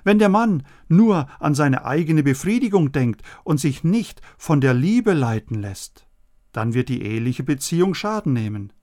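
Man, radio sermon, scripted, earnest, measured, speaks to the listener. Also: fairly high pitch, sing-song, a little mellow. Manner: earnest, measured preaching, addressing listeners directly. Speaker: radio preacher.

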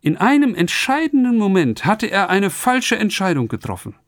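Male radio preacher, earnest and direct, voice pitched a little high, dry studio sound. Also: huge pitch swings, normal speed, dry recording. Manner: earnest, addresses listeners directly. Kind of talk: radio sermon.

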